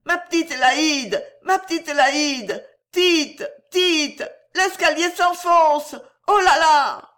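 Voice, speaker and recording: A woman's voice: medium pitch, sing-song, moderate pace, a bit bright. A woman voicing a drunk, crying woman who calls and pleads with slurred, whining words. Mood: sobbing. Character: drunk weepy woman stuck on a staircase.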